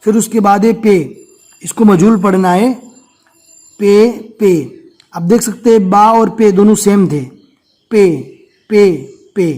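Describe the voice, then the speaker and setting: An Urdu reading teacher with a fairly high, darkish, steady voice goes through the letters one at a time. He speaks slowly and patiently, repeating each letter over and over for beginners.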